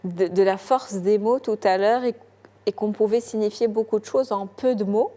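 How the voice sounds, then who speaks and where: A woman's voice: mid-range voice, normal speed, dark tone. Formal woman TV culture host. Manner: formal, polished introductions with some hesitant fillers. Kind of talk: TV interview. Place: TV studio.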